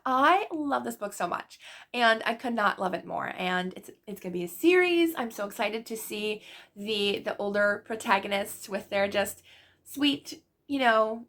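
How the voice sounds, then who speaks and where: A woman's voice: fairly high pitch, a bit bright. A woman book vlogger chatting casually about books she loved, gushing and full of fillers. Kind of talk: casual book review chat.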